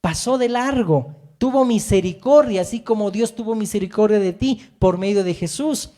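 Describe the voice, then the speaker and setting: A man preaching from the pulpit with a high, mellow voice. He reads scripture and tells stories with emphatic swings, often pausing for an amen. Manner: emphatic preaching, rising and falling, frequent amens. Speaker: pastor. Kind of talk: sermon.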